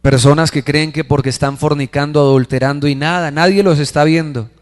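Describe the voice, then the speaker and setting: A man, preaching a sermon as pastor, asking the crowd questions and slowing right down to stress scripture. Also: on the high side, fairly even intonation. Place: church hall. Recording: long hall reverb.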